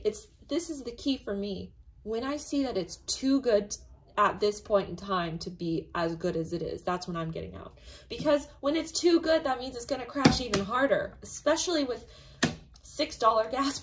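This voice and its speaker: Hosting her own channel, a woman casually chats through a tarot reading, full of fillers and emphatic asides. Her slightly raspy voice is a little high at normal speed, with slight background noise.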